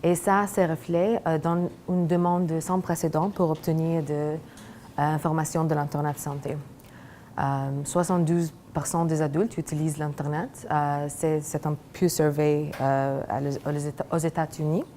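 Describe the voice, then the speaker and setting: A young woman with a foreign accent in French, a graduate student presenting her research haltingly, searching for words. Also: low voice, little pitch movement, dark tone, a little hiss or hum. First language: not French. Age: young adult. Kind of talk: academic presentation of a thesis project.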